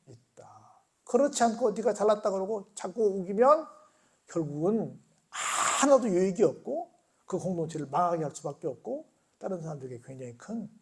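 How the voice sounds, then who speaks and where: High-voiced pastor preaching with big swings. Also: male voice, sing-song, normal speed, darkish tone. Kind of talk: sermon.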